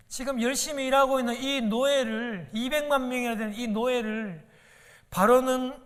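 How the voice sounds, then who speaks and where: A man delivers a Sunday sermon in a strikingly high voice, earnest and direct, constantly calling out to his congregation. His words ring out with a long reverb from the church sanctuary. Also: fairly bright tone. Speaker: pastor.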